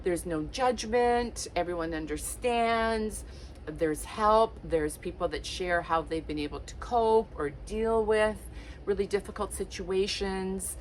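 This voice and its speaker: The poor audio, with slight background noise, carries a medium-pitched woman who takes her time. She's a lifestyle vlogger in her late fifties, originally from Portugal, chatting casually to camera and offering warm encouragement with lots of fillers like ums and likes.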